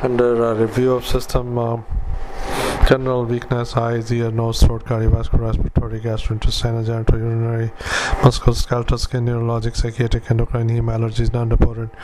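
A man working as a clinician dictates a medical note in halting fragments, speaking punctuation aloud. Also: medium pitch. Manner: halting, flat, monotone delivery in short fragments. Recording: clearly noisy recording with background ambience.

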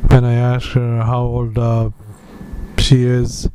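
A man speaking as a doctor doing medical dictation, in halting, clipped phrases with spoken punctuation. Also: mid-range voice, monotone, warm tone, a little hiss or hum, poor audio. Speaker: doctor dictating clinical notes.

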